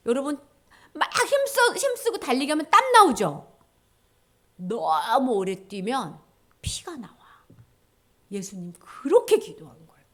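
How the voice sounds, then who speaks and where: A woman junior pastor delivers an animated storytelling sermon. Her voice is high and very expressive, and she slips into the voices of the characters as she speaks.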